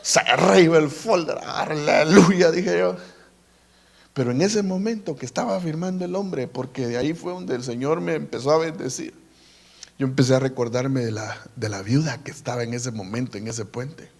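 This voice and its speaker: A man's voice: medium pitch, a little fast, a little mellow. A man, telling a personal testimony in a sermon, often restarting and repeating words. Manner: storytelling with many repetitions and restarts. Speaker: preacher.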